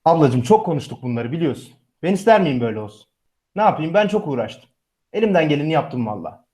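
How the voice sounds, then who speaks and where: A man's voice: a little high, big pitch swings, quick pace, warm tone. A man acting a weary, kindly adult brother in a radio drama, earnest and familiar. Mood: pleading. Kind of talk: Turkish radio theatre acting.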